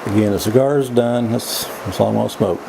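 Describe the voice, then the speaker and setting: A man's voice: on the low side, brisk, gravelly. Folksy man rambling over noisy background hum. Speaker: vlog host. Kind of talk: rambling opinion monologue, casual smoke-and-chat vlog. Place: indoors.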